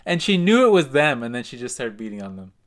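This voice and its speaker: A man co-hosting a casual podcast, speaking at an ordinary middle pitch. He recaps old fights in a laid-back, drawn-out way. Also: sing-song. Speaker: podcast co-host. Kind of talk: casual chat.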